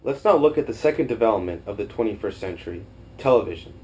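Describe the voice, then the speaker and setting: A man's voice: lowish voice, expressive, fast, a little mellow, a little hiss or hum, low-quality recording. A young man from Costa Rica giving an earnest, formal scripted narration as a student documentary narrator. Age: young adult.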